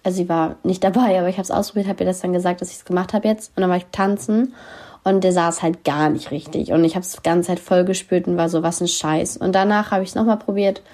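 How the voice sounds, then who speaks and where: A woman's voice: on the low side, fairly even intonation, fast talker, warm tone. A woman hosting a show, chatting casually and candidly to listeners in a slangy way with English phrases mixed in.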